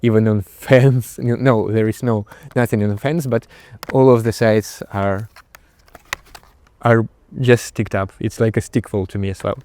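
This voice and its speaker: A man from Belarus with a Belarusian accent talks casually to camera as a creator, pausing and repeating phrases while he searches for words. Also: lowish voice, fairly even intonation, darkish tone, slight background noise. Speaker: video creator and host.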